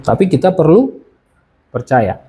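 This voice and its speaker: A man's voice: a little high, big pitch swings, a little slow, dark tone, husky. A man giving a casual sermon and personal testimony, often asking and answering his own questions. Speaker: preacher sharing testimony.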